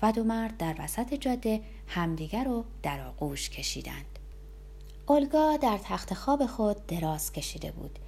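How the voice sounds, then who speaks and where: A woman narrating a novel aloud in an even, measured storytelling manner. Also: mid-range voice, gravelly, breathy edge. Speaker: audiobook narrator. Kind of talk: novel reading.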